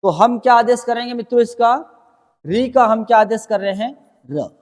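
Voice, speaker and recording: A man with a high voice teaching a grammar lesson. He explains each point step by step, putting questions to his students and answering them himself. A long reverb hangs on his voice from the room. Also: moderate pace.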